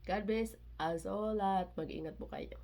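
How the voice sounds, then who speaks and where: A woman unboxing a parcel in a casual vlog, chatty and excitable, with little squeals of delight and mixed English phrases. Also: medium pitch, measured pace, creaky. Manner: excitable, squeals and laughs between items; mixes Tagalog and English, chatty. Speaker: vlogger.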